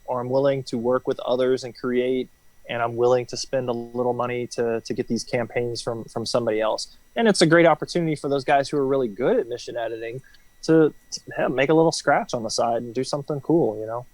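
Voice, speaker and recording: A former military helicopter pilot, appearing as an interview guest, explains things casually in a medium-pitched, steady, darkish voice that runs a little fast. He leans on "you know" and keeps checking in with "right?". The recording is dry with no room sound and low in quality.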